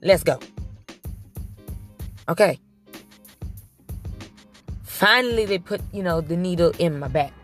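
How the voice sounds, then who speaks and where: Woman, low voice, comic storyteller, profane, animated, faint music behind. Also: unhurried, pauses often. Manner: animated, blunt and profane, with frequent restarts. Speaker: storyteller recounting her childbirth. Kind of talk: casual comedic storytelling to camera.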